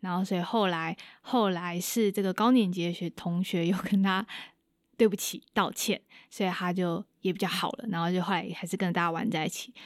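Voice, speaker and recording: On an interview show, a young woman guest animatedly retells an experience in casual storytelling, acting out the dialogue. Her lowish voice is steady and fairly quick, recorded in studio quality with no room sound.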